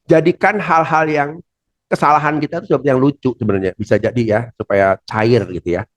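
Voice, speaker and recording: A man's voice: medium pitch, brisk. A man giving a corporate training on presentation skills, acting out sample lines in shifting tones. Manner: lively, acts out example speeches in changing tones.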